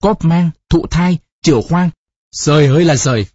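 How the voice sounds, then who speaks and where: A narrator voicing an anxious middle-aged village mother who asks in a hasty, shrill way. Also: moderate pace, a little mellow, slightly rough, no echo, lo-fi sound, close to an everyday voice. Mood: distraught.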